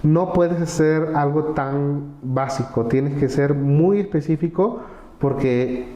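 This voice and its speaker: A man speaking in a conversational webinar, walking through ideas step by step. His voice sits a little high and sounds mellow. The room around him is echoey. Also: slow. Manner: explains with lists of examples, tag questions. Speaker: webinar presenter on AI prompts.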